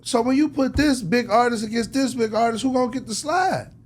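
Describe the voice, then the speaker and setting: With an extremely high-pitched voice and a brisk delivery, a man plays a record executive under interview. He argues his point with passion and emphasis, leaning on slang, repeating himself, and keeping the shop talk casual but persuasive.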